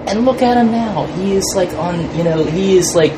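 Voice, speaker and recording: Here a podcast guest from a fan film crew speaks at a moderate pace, his voice sitting high. He chats casually but haltingly, often repeating himself and trailing off mid-phrase, in a noisy room with a constant hum behind him.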